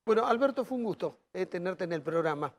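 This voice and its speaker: A man with an Argentine accent hosts an interview in a high voice. He frames questions at length and sums up his guest's points in relaxed, informal speech. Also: quick pace. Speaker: talk show host. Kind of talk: interview hosting.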